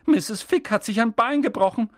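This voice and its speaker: A narrator voicing a shrill, fussy aunt who dotes on her son and scolds others. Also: animated, moderate pace, no room sound, clean studio sound, close to an everyday voice. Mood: alarmed.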